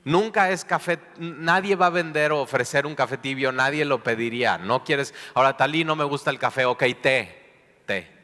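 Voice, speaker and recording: A man's voice: mid-range voice, moderate pace, bright, forceful tone, long reverb tail. A Mexican man preaching a sermon, playful, acting out small everyday dialogues. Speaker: pastor.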